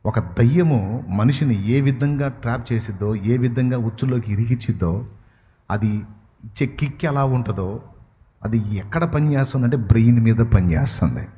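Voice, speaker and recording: A man's voice: mid-range voice, moderate pace, warm tone. Man preaching a passionate sermon in a reverberant hall. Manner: impassioned, rising to pleading cries; asks the audience questions.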